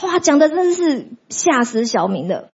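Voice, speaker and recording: A woman's voice: high voice, sing-song, moderate pace, darkish tone, muffled recording. A woman preacher giving a sermon with personal testimony, speaking emphatically and acting out commands against sickness.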